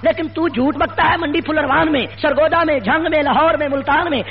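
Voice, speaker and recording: A man giving an impassioned rally speech at a public gathering, full of repetition, shouted rhetorical questions and call-and-response. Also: extremely high pitch, fairly even intonation. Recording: lo-fi with faint hum.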